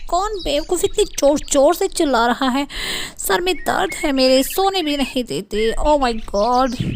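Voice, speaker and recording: A woman's voice: high voice, expressive, a little slow, a little hiss or hum. A woman voicing a spoiled, rude young sister who talks in a bratty, whiny way. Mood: curious. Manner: bratty, whiny, mixes in English words.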